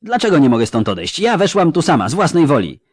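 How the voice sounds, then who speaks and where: A man's voice: medium pitch, big pitch swings, unhurried, darkish tone, dry recording, clean studio sound. A man voicing a proud, angry young woman who protests in heated, indignant outbursts.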